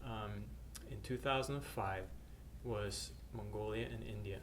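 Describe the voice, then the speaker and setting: This is a hesitant personal testimony to camera from a missionary born in Norway, who keeps restarting and saying "uh." His voice is fairly low and his pace measured. The recording carries faint background noise.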